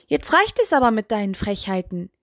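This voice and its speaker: A woman's voice: medium pitch, very animated, a little fast, creaky, dry recording, clean studio sound. A woman doing a flustered little witch. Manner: questioning, exasperated.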